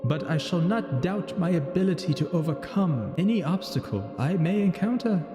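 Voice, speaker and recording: Voicing a thousand-year-old vampire who is lonely and brooding, this man tells his story in grave, formal, theatrical phrasing, scripted in character over gameplay. His pitch is fairly high and his intonation lively, and he speaks at a moderate pace in a voice close to everyday speech. Music sits behind him in a hall-like space full of echo.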